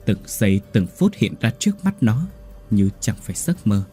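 A man's voice: lowish voice, sing-song, normal speed, dark tone. A man narrating a horror story with dramatic delivery. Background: faint music.

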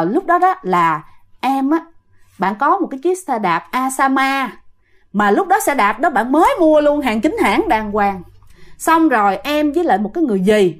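A young woman casually retelling a listener's ghost story, chatty, slipping into the voices of the people in it. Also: a little high.

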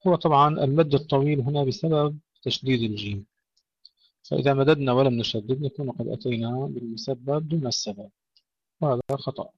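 A man teaching tajweed, explaining pronunciation errors and reciting each example slowly and drawn out. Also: medium pitch, husky, no room sound, muffled recording.

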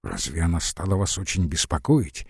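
A man voicing a polite male visitor who asks tactful questions in a soft voice. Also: sits low, expressive, moderate pace, creaky, breathy edge, dry recording, studio quality, voice pushed down, heavily acted.

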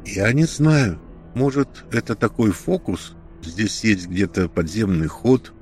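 Guy reading as a flustered young dude, low mumbly voice, kinda out of it. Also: a little mellow, soft background music. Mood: defensive. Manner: hurried, mumbling. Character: flustered young man, muttering and dazed.

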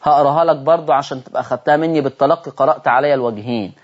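Animated Egyptian sheikh teaching recitation. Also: male voice, mid-range voice, racing, lo-fi sound. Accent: Egyptian Arabic. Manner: animated, asks listeners rhetorical questions. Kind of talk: televised recitation lesson.

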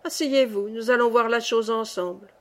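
A woman's voice: fairly high pitch, normal speed, lightly acted. A woman voicing a kindly old male saint who keeps the gate of heaven, speaking in a genial, reassuring way.

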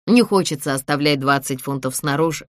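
A woman's voice: deep voice, a little fast, no room sound, studio quality, natural voice. A woman voicing a young heroine who speaks earnestly and coaxingly in a thriller audiobook. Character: brave young woman, tense but kind.

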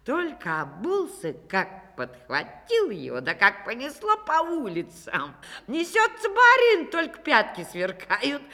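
Animated woman reading a fairy tale. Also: high-pitched, a little slow, in a large hall. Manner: lively, dramatic shifts between hushed and loud. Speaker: storyteller.

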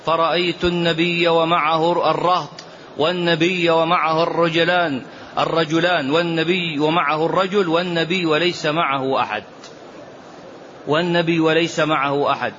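Explaining a poem in a religious lesson, this sheikh repeats phrases and stretches out quoted verses with emphasis. He has a fairly high, slightly bright voice with fairly even intonation at a normal pace, and the dull lo-fi recording carries faint ambience and slight background noise.

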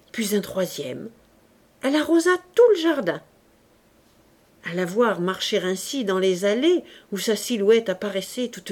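A woman reading a classic novel aloud as an audiobook narrator, calm and deliberate. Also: mid-range voice. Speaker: audiobook reader.

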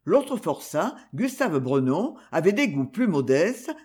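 A man narrating a detective novel in an expressive, theatrical audiobook reading. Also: fairly high pitch, a little slow.

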